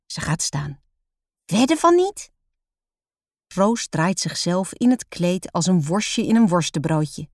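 A woman reads a children's story aloud in a calm, expressive storytelling voice. Her voice sits on the low side. The recording is close and dry. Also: unhurried, no room sound. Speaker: narrator.

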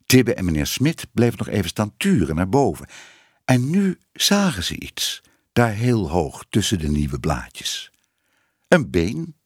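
A man's voice: lowish voice, slightly rough, no room sound, clean studio sound. A man reading a children's story aloud as narrator, voicing the characters expressively.

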